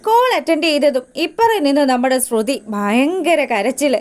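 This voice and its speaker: A woman's voice: sits high, expressive, normal speed. A woman casually retelling a TV serial episode in a chatty, folksy way. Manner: chatty, folksy narration addressing listeners as 'our'. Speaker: storyteller recapping a TV serial.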